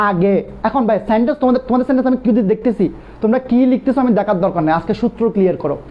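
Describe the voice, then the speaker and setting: A young man teaching English grammar in a live online class, drilling points over and over in a lively, repetitive way. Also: very high-pitched. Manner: animated, repetitive drilling, calls students brother. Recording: dull lo-fi live stream audio.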